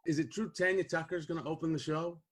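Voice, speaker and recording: A man's voice: on the high side, fairly even intonation, fast, breathy edge. A man hosting an interview, giving brief friendly prompts. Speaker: host.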